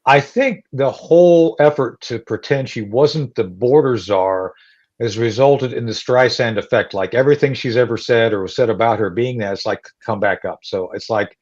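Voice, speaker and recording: A man's voice: mid-range voice, moderate pace, a little mellow. A male talk show host chats casually in a joking, rambling way, dropping lots of fillers. His voice sits in the middle of the range, and the recording sounds dull and lo-fi.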